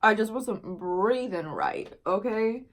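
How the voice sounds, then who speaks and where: A woman's voice: mid-range voice, lively intonation, slow. Rambling young woman telling a storytime. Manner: rambling, heavy use of "like" and "dude". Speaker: vlogger. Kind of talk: casual storytime chat.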